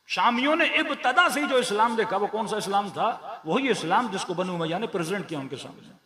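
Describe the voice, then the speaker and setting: Pakistani urdu preacher guy, high voice, sermon in a big echoey hall with a crowd, rhetorical questions. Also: lively intonation, a little fast. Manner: declamatory, rhetorical questions, rhythmic repeated lists. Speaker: Shia preacher. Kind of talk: majlis sermon to a congregation. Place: large prayer hall with a gathered audience.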